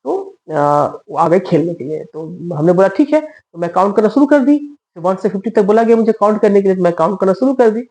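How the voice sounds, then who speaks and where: Woman with a dark, mellow voice telling a story. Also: medium pitch, lively intonation, fairly quick, few pauses, rough recording. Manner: chatty, with many fillers and asides to listeners. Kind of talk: casual spoken storytelling.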